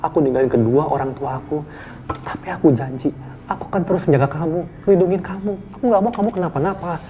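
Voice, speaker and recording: A man's voice: fairly high pitch, fast talker, warm tone, dull audio, slight background noise, lightly acted. An actor playing a young man who evades his girlfriend's questions, pleading and exasperated, in a TV soap drama. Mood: weary pleading. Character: young man Raka, troubled boyfriend, evasive.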